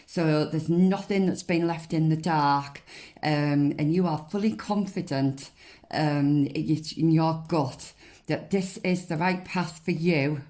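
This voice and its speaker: Female tarot host: low, unhurried, gently reassuring, informal and slightly hesitant delivery. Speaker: tarot card reader and host. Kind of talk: casual spiritual card reading.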